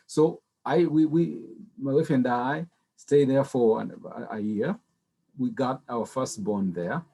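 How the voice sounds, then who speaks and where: A middle-aged man from Rwanda, a panelist telling his own story in a measured, halting way with many restarts. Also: medium pitch, warm tone. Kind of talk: personal testimony on a panel.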